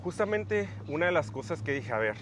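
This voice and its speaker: A man's voice: a little high, big pitch swings, fairly quick, noisy background. A young man hosting a casual podcast, thinking aloud with frequent restarts and fillers. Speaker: podcast host.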